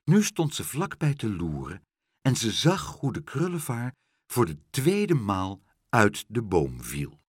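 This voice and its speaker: Man reading a kids book out loud, low husky voice, slow, swoops all over the place. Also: no room sound, studio quality. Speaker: storyteller. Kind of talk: reading a children's story aloud.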